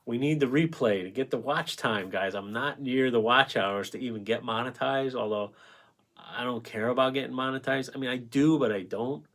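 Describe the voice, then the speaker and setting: A man hosting a painting livestream in casual chat. He rambles, answers the chat aloud and thanks viewers by name, and his voice is going a bit hoarse from talking so long. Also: medium pitch, normal speed, fairly bright tone, slight background noise. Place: home painting setup with ring light.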